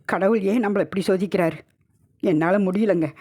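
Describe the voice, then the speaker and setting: A woman's voice: mid-range voice, moderate pace, a little mellow, close to an everyday voice. A woman voicing a young wife, affectionate and teasing, in a spoken horror story. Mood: tearful. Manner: coy, playful pleading.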